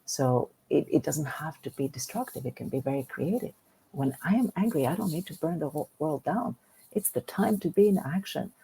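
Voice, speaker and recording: A woman's voice: deep voice, expressive, a little fast, mellow, husky, low-quality recording. A woman from Greece, a guest on a business podcast, speaking earnestly and often repeating words as she starts a thought. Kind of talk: podcast interview.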